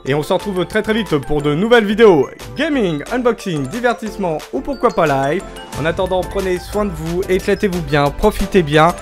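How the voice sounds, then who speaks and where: A man's voice: high voice, lively intonation, brisk, soft background music. A young man chatting casually in a vlog from his home studio, full of fillers and self-mocking laughs. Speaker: YouTuber showing his Christmas gifts.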